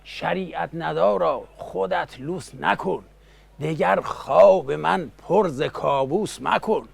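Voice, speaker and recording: Man playing a creaky chiding tyrant king. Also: fairly high pitch, no room sound, heavily acted. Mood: weary chiding. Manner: declaiming rhymed verse, chiding. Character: evil tyrant king, weary, scolding his courtier. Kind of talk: epic teahouse storytelling.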